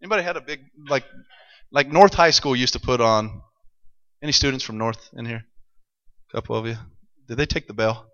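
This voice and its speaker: A male preacher telling a Bible story to a congregation, building from calm narration to excited shouts. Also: medium pitch, a little fast, long pauses, dull audio. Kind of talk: sermon. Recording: long hall reverb.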